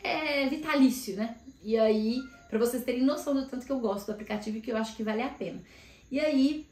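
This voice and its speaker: A Brazilian career mentor in her thirties talks casually to camera from a home room in Australia, thinking aloud with lots of filler words. Her voice is a little high and a little mellow, and the room is echoey.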